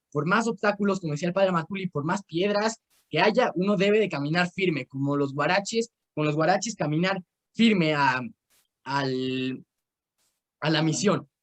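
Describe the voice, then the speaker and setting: A young man with a Mexican Spanish accent and a noticeably high voice leads a casual online Bible class. He rambles through personal stories and instructions, filling pauses with "este" and restarting sentences. He speaks into a video call microphone.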